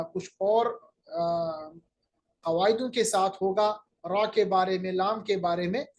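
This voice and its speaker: Woman teaching recitation, drawn-out example words. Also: mid-range voice. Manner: explains step by step, drawing out example words slowly and clearly; patient, plain teaching tone with pauses and fillers. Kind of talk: recorded lecture on recitation rules.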